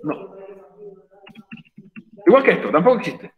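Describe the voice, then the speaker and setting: A man's voice: high voice, big pitch swings, unhurried, narrow, tinny audio. Patient male teacher, roomy echo. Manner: patient, repeats points, checks understanding with frequent "ok?". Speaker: English teacher. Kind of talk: virtual class explanation in Spanish.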